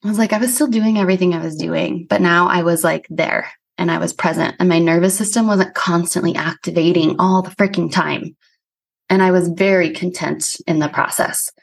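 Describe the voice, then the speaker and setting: A woman's voice: on the low side, steady tone, moderate pace, gravelly, husky. An earnest woman hosts her own podcast in a reflective solo talk. She speaks casually and leans on "like" as she works through her thoughts. Her tone stays sincere and personal throughout. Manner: earnest, casual, frequent "like" fillers. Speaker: podcast host; somato-emotional release practitioner.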